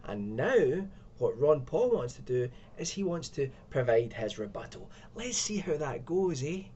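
Very animated but a little slow, a young man's slightly rough, a little mellow, somewhat high voice drives an exasperated, sarcastic webcam rant from his room at home. The recording of this video commentary is muffled.

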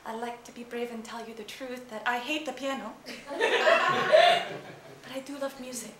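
A woman's voice: a little high, fairly even intonation, moderate pace, heavy background noise, lightly acted. A woman acting a young immigrant girl with a Singaporean accent who speaks hesitantly and giggles a lot, in a roomy space. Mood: nervous. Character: nervous young immigrant girl, earnest and playful. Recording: roomy stage sound.

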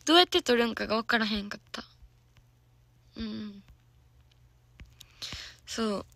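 Hoarse young Kansai woman chatting. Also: a little high, lively intonation, takes it slowly, fairly bright tone. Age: young adult. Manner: giggly, chatty, answering viewer comments. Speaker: idol trainee. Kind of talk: casual livestream chat with viewers. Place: soundproof lesson room.

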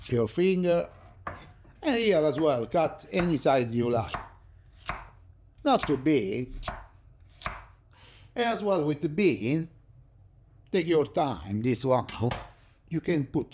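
Speaking non-native English with an Italian accent, a middle-aged man from Italy hosts a cooking show, casually demonstrating a recipe in his home kitchen. His medium-pitched voice is a little mellow, and there's a little hiss or hum.

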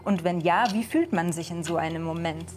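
A woman's voice: on the low side, a little fast. Woman host reading viewer questions. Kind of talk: moderated discussion. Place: TV studio.

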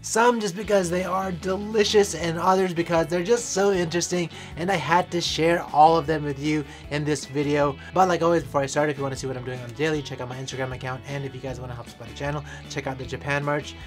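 A man's voice: a little high, steady tone, quick pace, hardly any pauses, soft background music. A man hosting a casual food review, upbeat and chatty, with lots of filler words. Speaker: host.

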